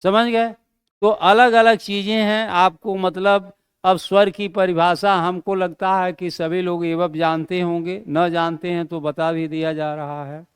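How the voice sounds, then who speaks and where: In a studio-quality recording without echo, a high-pitched man with a level, clean tone leads a classroom lesson. He asks himself rhetorical questions, answers them, and slows his delivery to stress important terms.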